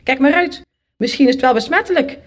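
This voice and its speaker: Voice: very high voice, lively intonation, moderate pace, darkish tone, voice pushed up. A storyteller voicing a scornful, gossiping older neighbor woman in a spoken story. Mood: snapping. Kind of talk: storytelling with character voices.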